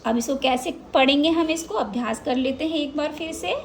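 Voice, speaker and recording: A woman teaching a lesson, drawing out each syllable in slow drills. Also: high voice, a little hiss or hum.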